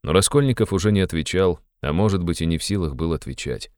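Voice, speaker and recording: Deep, smooth male audiobook narrator. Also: fast talker, a little mellow, dry recording, studio quality. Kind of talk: scripted narration of a classic novel.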